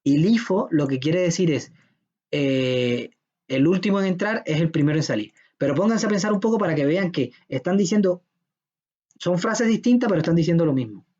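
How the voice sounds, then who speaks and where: A man's voice: a little high, animated, moderate pace, a little mellow. A man giving an informal programming lecture in a chatty, joking manner, often checking that his students follow. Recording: dull lo-fi lecture recording.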